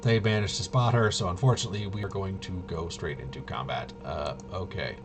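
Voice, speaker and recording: A game master demonstrating a tabletop RPG improvises casual narration of solo gameplay in a fairly low voice. He is halting, thinking aloud and often muttering to himself, with clear background noise in the recording.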